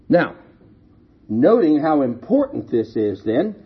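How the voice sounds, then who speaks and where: A man preaching slowly and deliberately, his voice rising and falling widely as he stresses each point. His tone is somewhat husky, and the recording sounds dull and lo-fi. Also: on the high side, big pitch swings. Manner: slow, emphatic, repeats key phrases and asks rhetorical questions. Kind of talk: sermon.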